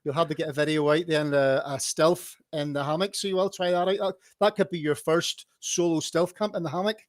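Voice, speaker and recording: A man hosting a relaxed live podcast chat, his voice sitting a bit higher than most men's. He sounds chatty and encouraging and often stumbles over repeated words. The sound is close and dry, with no room around it. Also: a little fast, no echo. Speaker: podcast host. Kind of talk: casual live-stream interview.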